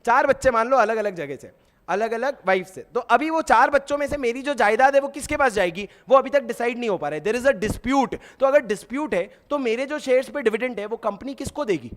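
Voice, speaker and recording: A man's voice: very high voice, expressive, brisk. A man teaching an exam revision lecture, asking questions and answering them himself, with Indian-accented English mixed in. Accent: Indian English mixed into Hindi. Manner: rhetorical questions answered himself, mnemonic drilling.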